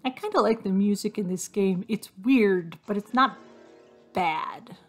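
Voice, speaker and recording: A woman of middle pitch talks her way through a hidden-object game, listing items and making wry, self-mocking asides. Her voice sounds a little hoarse and worn, as if it is fading. Soft game music plays faintly behind her. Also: measured pace. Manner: chatty, self-deprecating, thinks aloud while searching. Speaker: gaming video host. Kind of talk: casual gameplay commentary.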